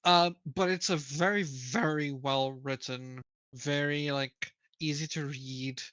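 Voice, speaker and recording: A man's voice: a little high, steady tone, takes it slowly, fairly bright tone, no room sound. A man co-hosting a book club livestream, rambling casually with fillers and laughing at his own slips. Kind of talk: casual live-stream chat.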